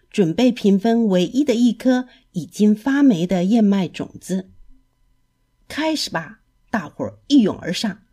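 A woman narrating a children's storybook in an expressive, lilting way. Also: mid-range voice, husky.

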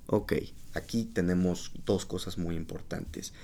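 A man with a Mexican Spanish accent, a nutritionist guest chatting casually on a podcast, animated and jokey, acting out his patients' voices. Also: deep voice, a little slow, slight background noise.

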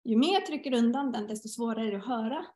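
Middle-aged woman chatting on a podcast, kinda high voice, roomy echo, acts out her own inner voices. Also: expressive, a little mellow. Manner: storytelling, acts out inner dialogue. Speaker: guest teacher. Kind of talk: casual podcast conversation.

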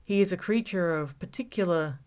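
A woman voices a male audiobook villain who taunts and manipulates, sounding mock-reasonable and menacingly pleased with himself. Her delivery is fairly quick and lightly acted, fairly low in pitch yet set above her own natural voice, with a darkish tone.

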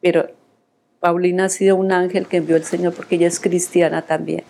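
A woman's voice: on the low side, little pitch movement, a little fast, vocal fry, warm tone, slight background noise. An older woman giving an earnest, emotional testimony of faith in an interview.

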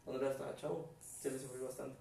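A man's voice: medium pitch, flat delivery, quick pace, creaky, far from the mic, crowd noise. A man with a Mexican accent, playful and slangy, hosting a casual chat. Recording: roomy, off-mic, faint noise.

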